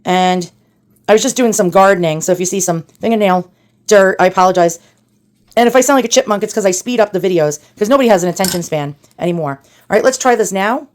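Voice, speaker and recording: A woman's voice sped up until it turns chipmunk-like, talking viewers through a fiddly fix at a middling pitch. She chats casually and wryly, thinks out loud as she goes, and keeps calling her audience boys and girls. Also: fast. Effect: sped-up playback, chipmunk-like. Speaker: antique collector and hobby restorer. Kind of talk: casual hands-on repair narration.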